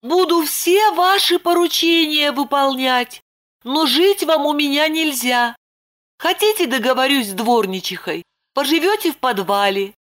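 A flustered young woman in an audiobook, as the woman reading puts her on. She speaks high and pleading, her pitch swinging widely with every worry. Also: lively intonation, measured pace, a bit bright. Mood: fretful, pleading. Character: anxious fretful young woman. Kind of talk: audiobook character voice.

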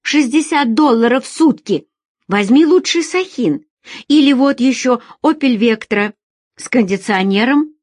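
A woman reading a novel aloud, voicing a lazy, condescending young secretary who turns shrill when irritated. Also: animated, a little slow, no room sound, clean studio sound. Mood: indignant.

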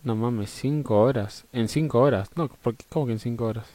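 Man, Argentine accent, dark relaxed voice, dry sound, sweary casual gaming stream, muttered asides. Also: medium pitch, brisk, no room sound. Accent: Argentine Spanish. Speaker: live streamer.

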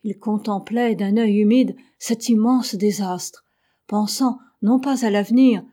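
Mellow woman reading an audiobook. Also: mid-range voice. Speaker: audiobook reader. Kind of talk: literary audiobook narration.

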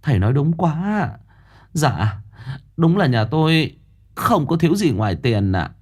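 A woman's voice: low-pitched, very animated, measured pace, a little mellow, slightly rough, voice pushed up, heavily acted. A man voicing an anxious, fawning middle-aged mother who pleads deferentially.

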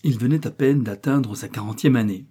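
A man reading a novel aloud as narrator, in a measured, expressive storytelling manner. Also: mid-range voice, slightly rough. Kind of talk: audiobook reading.

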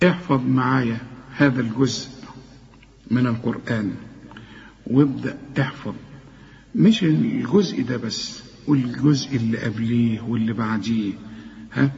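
A man's voice: mid-range voice, gravelly, darkish tone, slightly rough, dull audio. A man with an Egyptian accent teaching Quran recitation, coaxing his students and repeating words to correct their pronunciation. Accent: Egyptian Arabic. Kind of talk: tajweed lesson.

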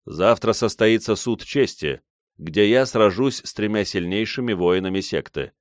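A man's voice: fairly low pitch, moderate pace, dry recording, clean studio sound, natural voice. Man playing a cold steely young clan head. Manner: flat, indifferent, commanding.

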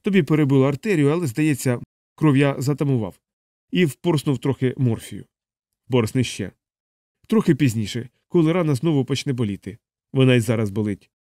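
A steady, good-natured pilot, played by a male reader, speaks in an even, reassuring tone. The recording is close and dry, with no room sound. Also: mid-range voice, brisk, dry recording, natural voice. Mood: calm reassuring. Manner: calm and reassuring.

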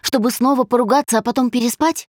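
A young woman snaps back with a tired edge, as a woman reads her aloud. She is hungover and out of patience, her replies sharp and short. Dry, close sound. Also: medium pitch, animated, moderate pace, no echo, close to an everyday voice. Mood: irritated. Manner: sharp, exasperated.

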